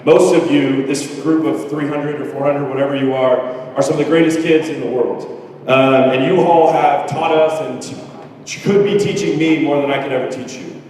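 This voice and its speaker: A man's voice: a little high, fairly even intonation, moderate pace, a little mellow. A man in his thirties giving a joking, candid graduation speech as a teacher. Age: 30s. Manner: self-deprecating, candid, joking. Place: large hall, from far off. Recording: echoey hall, distant mic.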